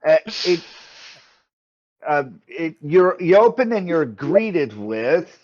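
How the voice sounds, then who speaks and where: A man's voice: fairly high pitch, big pitch swings, slow pace, muffled recording. A man running a tabletop game as game master, narrating off the cuff and often repeating words as he explains.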